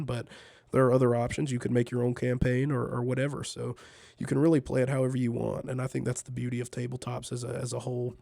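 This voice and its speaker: A man who is under the weather, with a stuffy nasal tone and a gravelly, mellow voice. He hosts a laid-back solo show, chatting casually and repeating words as he rambles along. The sound is close and dry. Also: medium pitch, no room sound. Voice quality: nasal, congested. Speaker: solo podcast host. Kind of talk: casual rambling fireside chat about gaming.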